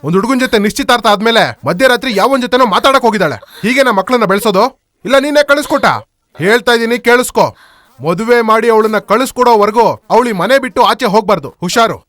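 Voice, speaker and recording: A strict father, high-pitched and quick as he scolds. The sound is dry and close. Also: fairly bright tone, no echo. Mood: scolding. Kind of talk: Kannada film dub.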